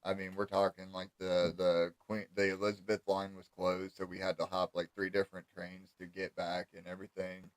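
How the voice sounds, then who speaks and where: A man's voice: low-pitched, completely flat delivery, brisk, hardly any pauses, dry recording. A man with an American accent hosting a casual, informal interview and chatting conversationally. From United States. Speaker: interviewer, host. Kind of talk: casual chat.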